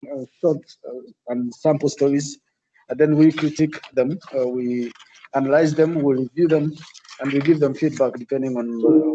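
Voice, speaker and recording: Man, mellow soft-edged tone, mid pitch, instructor explaining, hesitant phrasing. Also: muffled recording, a little hiss or hum. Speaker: journalism instructor. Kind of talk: explaining a training course.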